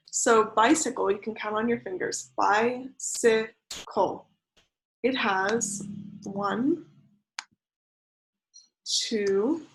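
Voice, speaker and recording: A woman's voice: medium pitch, a little hiss or hum, rough recording. A young woman teaching a creative writing lesson online to children, patiently counting syllables aloud.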